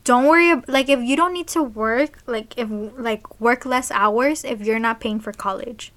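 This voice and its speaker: A woman's voice: fairly high pitch, moderate pace, fairly bright tone. Chatty young woman co-hosting a podcast. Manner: rambling, filler-heavy with lots of "like". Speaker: podcast co-host. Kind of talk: casual chat.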